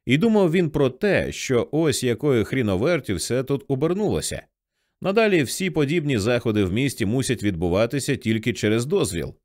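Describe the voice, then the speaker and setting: A man narrating a novel as an audiobook, with an animated pitch that rises and falls through each sentence. His voice sits at an ordinary middle pitch, and he changes it for the characters' lines. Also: a little fast. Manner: lively, shifts pitch for quoted characters.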